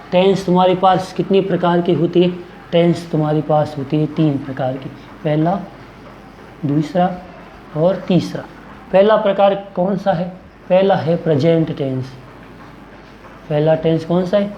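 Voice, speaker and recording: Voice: mid-range voice, warm tone, echoey room, lo-fi sound, a little hiss or hum. A teacher giving a grammar lesson in a coaching classroom, who asks a question, answers it and repeats the key words.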